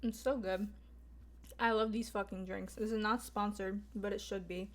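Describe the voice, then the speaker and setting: A woman's voice: medium pitch, fairly even intonation, normal speed. A young woman vlogging in a casual mukbang style, chatting informally to viewers over food with lots of filler words and mild swearing. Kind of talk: casual mukbang chat to viewers while eating.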